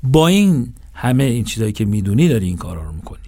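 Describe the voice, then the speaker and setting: A man delivering a religious sermon, moving between recited verses and casual, conversational explanation to listeners. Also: medium pitch. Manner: animated, shifts between recitation and conversational address. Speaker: religious lecturer. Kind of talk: Quranic sermon with colloquial asides.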